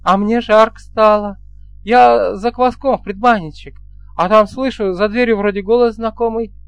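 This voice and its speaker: A man's voice: sits high, fairly even intonation, moderate pace, vocal fry, clear, resonant tone, dry recording, pitched above the performer's own voice. A man reading an audiobook, voicing a playful, affectionate young bride in a lifted, folksy way. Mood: teasing. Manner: light, coaxing, folksy speech.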